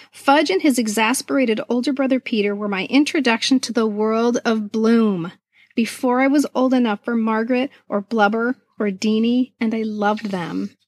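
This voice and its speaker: Sharing childhood memories in relaxed conversation, a middle-aged woman from the United States co-hosts a podcast and writes children's books. She tells them expressively in a voice on the high side, recorded cleanly in a studio without echo.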